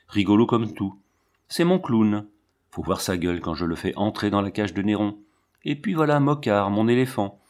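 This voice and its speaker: A man reading the part of a proud, brusque male lion tamer showing off his animals. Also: on the low side. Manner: boastful, brusque.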